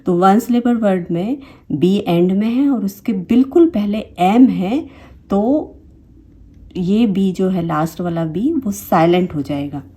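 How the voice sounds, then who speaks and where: A woman's voice: medium pitch, slow, mellow, breathy edge. A woman with an Indian English accent teaching a phonics lesson, saying each example word twice and explaining the rules patiently.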